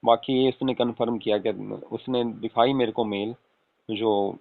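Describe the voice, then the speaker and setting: Tinny phone-call sound with some room echo frames this lightly acted late-night chat, where a man voices an affectionate young husband. At medium pitch, a little slow and with fairly even intonation, he explains and reassures, coaxing his spouse and often tacking on tag questions to get agreement.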